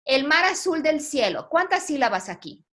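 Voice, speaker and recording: A woman's voice: high-pitched, sing-song, moderate pace, fairly bright tone. A woman teaching a poetry class online, patiently quizzing her students. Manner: patient, asks the class questions.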